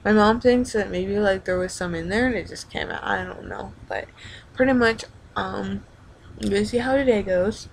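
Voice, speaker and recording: A young adult woman with a creaky voice rambles informally in a casual video diary, often halting and backtracking. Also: mid-range voice, very animated, a little hiss or hum. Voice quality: creaky vocal fry. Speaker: vlogger.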